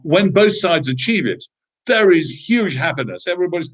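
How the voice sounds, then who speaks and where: A man's voice: on the high side, lively intonation, normal speed. A British man, a guest in an interview, telling a story in a conversational way: emphatic, with frequent fillers and restarts.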